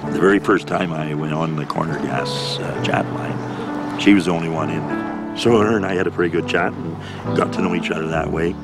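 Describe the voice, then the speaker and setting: A man's voice: sits low, steady tone, normal speed, loud music behind the voice. An older man speaking in an interview, reflective and plain-spoken. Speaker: interviewee, fan. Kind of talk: candid interview.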